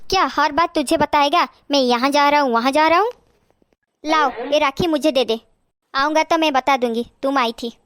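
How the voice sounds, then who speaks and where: A woman's voice: sits high, moderate pace, fairly bright tone. A woman voicing a blunt, stingy middle-aged aunt who talks in a scolding, dismissive way.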